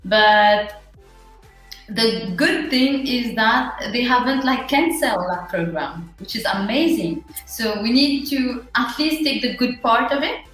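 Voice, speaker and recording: A woman with a Mauritian accent answering interview questions in an earnest, halting, conversational way. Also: on the high side, fairly bright tone. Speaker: interview guest, small business owner. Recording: very echoey room, faint music.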